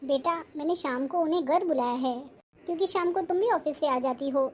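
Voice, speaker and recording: A woman voicing a gentle, patient older mother-in-law in a cartoon-style family drama, speaking in a soothing, placating way. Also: high voice, a little fast, slight background noise, lightly acted. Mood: coaxing.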